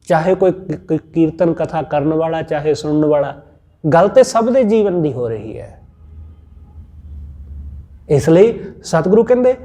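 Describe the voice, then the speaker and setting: A man with a Punjabi accent giving a scripture sermon, teaching in a measured, repetitive way with everyday examples. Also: on the high side, dark tone. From India. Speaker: Sikh scripture preacher. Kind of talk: sermon-style scripture exposition.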